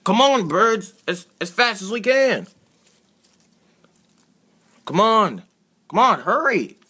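Animated, husky high-voiced man play-acting. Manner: halting, excitable, repeats words and stumbles. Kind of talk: improvised character play-acting for a fan video.

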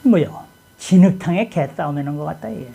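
A man's voice: on the high side, lively intonation, fairly quick, creaky, warm tone, slightly rough, poor audio. A man from Chungcheong, Korea, hosting his own channel and talking casually about an old text, with a folksy manner and many rhetorical questions. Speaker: channel host. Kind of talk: casual talk on classic texts.

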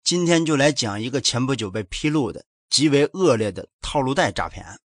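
A man's voice: medium pitch, expressive, fairly quick, no room sound, studio quality. A male narrator telling a true-crime story in a dramatic, suspenseful way.

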